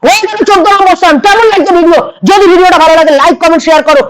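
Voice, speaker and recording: A hoarse woman with a West Bengal Bengali accent, a math tutor giving an exam-prep lesson who repeats each step and coaxes students along. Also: very high-pitched, rapid-fire, background noise. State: hoarse from a cold.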